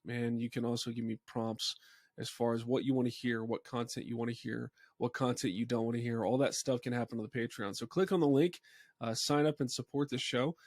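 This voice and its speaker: A man's voice: medium pitch, darkish tone, dry recording, clean studio sound. A man from the United States, a pastor hosting a podcast, speaking in a friendly, plain way and asking long winding questions. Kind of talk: conversational podcast interviewing.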